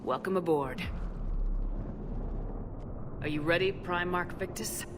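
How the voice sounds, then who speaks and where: A resolute human military commander in a video game cutscene. Her voice is low for a woman, steady and direct, with clear noise in the background. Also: takes it slowly. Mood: determined. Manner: firm, direct.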